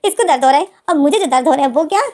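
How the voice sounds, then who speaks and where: Woman doing an upset young man in a storybook retelling, high and mellow, pleading; light acting. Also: expressive, very fast. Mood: hurt, pleading. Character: young man, hurt and jealous lover.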